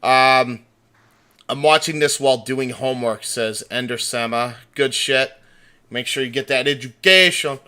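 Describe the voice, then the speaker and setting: On a livestream he co-hosts over a voice call, a man chats informally and reads out viewer comments, swearing now and then. His medium-pitched voice is unhurried, smooth, bright and pushed.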